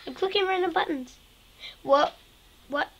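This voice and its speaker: A woman giving casual gameplay commentary, excitable and prone to panicky outbursts and yelling. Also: extremely high pitch, a little slow, dull audio. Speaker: gamer.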